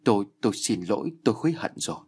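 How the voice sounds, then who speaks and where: A man voicing a terrified older mother who stammers and sobs her pleas, in a husky low voice. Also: big pitch swings, a little fast. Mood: pleading.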